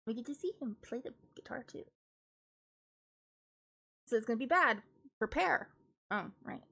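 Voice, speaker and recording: Streaming live, a young classical singer with a high singing voice chats casually, restarting often and adding giggly asides, then sings along. She speaks at normal speed with lively intonation and a creaky, sharp tone.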